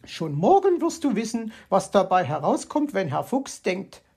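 A woman's voice: fairly high pitch, big pitch swings, unhurried, darkish tone, husky, voice pushed up, exaggerated voice. Frau Elster, a flustered magpie, as a woman reader puts her on. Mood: mocking. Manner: stammering, then mocking. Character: fussy, sharp-tongued female magpie, Frau Elster.

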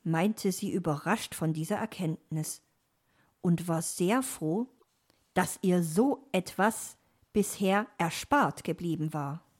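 A woman narrating a storybook in a measured, expressive way. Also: on the low side. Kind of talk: storybook reading.

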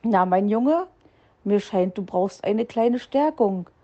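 A woman's voice: medium pitch, expressive, slow pace, warm tone, muffled recording. A woman voicing a grumpy, nervous male fox uncle who blusters and stammers out excuses. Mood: blustering. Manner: gruff, blustering, flustered excuses.

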